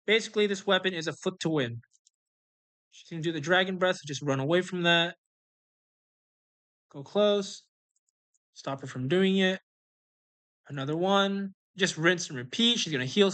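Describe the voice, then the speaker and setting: With a medium-pitched, fairly bright voice, a streamer gives casual live walkthrough commentary, talking through and instructing on every move in real time.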